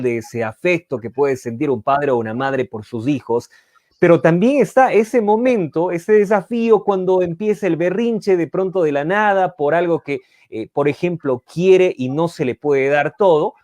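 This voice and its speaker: A man's voice: on the high side, expressive, moderate pace, darkish tone, no echo, studio quality. A man hosting an interview, asking questions and formally summarizing the guest's points. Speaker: interview host.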